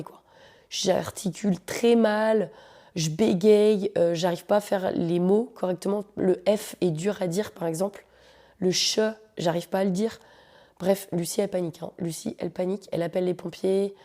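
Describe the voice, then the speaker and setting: A woman's voice: medium pitch, steady tone, moderate pace, warm tone. A woman hosting a podcast, telling a personal story in a casual, joking, slangy way and talking straight to her listeners. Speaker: podcast host.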